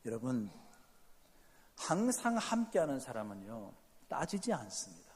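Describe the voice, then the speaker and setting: A middle-aged male pastor preaching a sermon, shifting between quiet asides and loud, emphatic declarations. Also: mid-range voice, wildly swooping pitch, measured pace. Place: church sanctuary. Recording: long church reverb.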